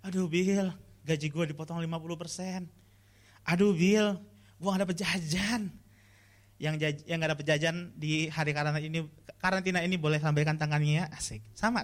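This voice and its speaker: A man giving a casual, slangy youth sermon to viewers at home, often calling out to his audience. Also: a little high. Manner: chatty, slangy, pleading refrains to the audience. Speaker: youth preacher.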